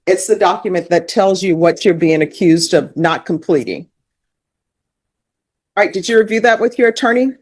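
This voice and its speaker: Judge, woman, brisk and procedural, from courtroom audio. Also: lowish voice, a little mellow, slightly rough. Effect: courtroom recording. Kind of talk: presiding over a court hearing.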